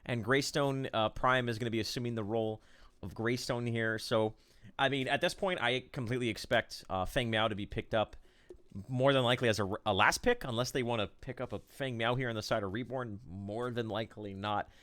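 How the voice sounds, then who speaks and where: A man casting a live esports final, talking fast and loosely through the picks with plenty of fillers and excited jumps. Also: medium pitch, clean tone. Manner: rambling, excitable play-by-play with fillers. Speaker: esports caster.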